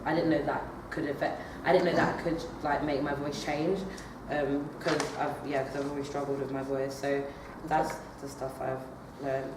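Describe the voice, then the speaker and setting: This is a young adult woman studying drama, speaking at a normal speed with a deep voice, little pitch movement and few pauses. She responds to interview questions haltingly, using many fillers and restarts. The mic is far away, and the room is echoey and noisy.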